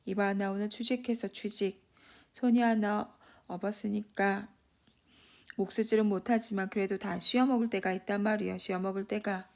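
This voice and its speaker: A man's voice: high-pitched, steady tone, moderate pace, gravelly. A woman voicing a drunken, boastful one-armed father who rambles and scolds in Gyeongsang dialect.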